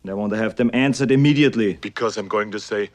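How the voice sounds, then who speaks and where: A man's voice: lowish voice, fast, close to an everyday voice. A man playing a menacing action-film tough guy, terse and commanding.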